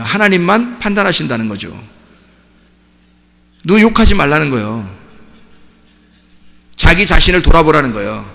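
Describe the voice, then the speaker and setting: Animated preaching pastor, gravelly voice. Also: male voice, on the high side. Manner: animated preaching, from loud emphatic peaks to hushed prayerful lines. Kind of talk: sermon. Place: church sanctuary. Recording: long church hall reverb.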